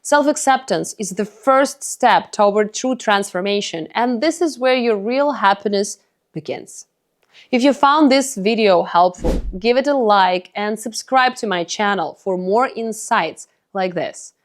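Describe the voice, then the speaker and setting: A woman's voice: mid-range voice, expressive, measured pace. A woman giving a motivational self-help talk, speaking earnestly and directly to the viewer as a coach.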